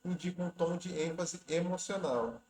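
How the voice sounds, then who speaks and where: A man's voice: sits high, normal speed, darkish tone, roomy sound, slight background noise, rough recording. A man walking through exam questions in a casual, conversational teaching manner, often restarting words mid-sentence. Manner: conversational, repeats and restarts words while explaining. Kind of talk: casual explanatory lesson.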